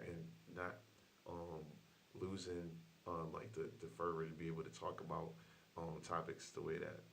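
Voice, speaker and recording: A man's voice: sits low, fairly bright tone. A man hosting a casual podcast chat, laid-back, with lots of fillers and laughter. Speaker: podcast host. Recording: faint hiss.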